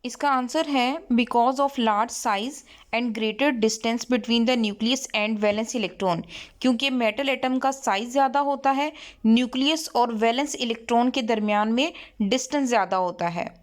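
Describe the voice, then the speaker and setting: A woman tutoring chemistry, who reads each textbook line slowly in English and then explains it in Hindi-Urdu. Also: on the high side. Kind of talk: textbook lesson reading and explaining.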